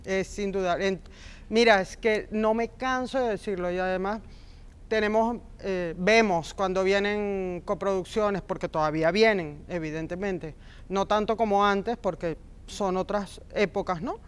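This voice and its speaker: A middle-aged film script supervisor, Argentine by origin but raised in Venezuela, talks passionately in an interview, warm and given to emphatic repetition. Her mid-range voice is clear and resonant and moves a little slowly.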